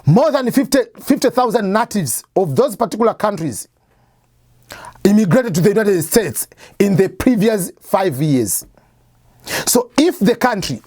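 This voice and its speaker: The host of an immigration advice channel speaks to camera, breaking things down step by step and raising questions only to answer them himself in a conversational way. His voice is high and a little mellow, recorded cleanly in a studio with no room sound.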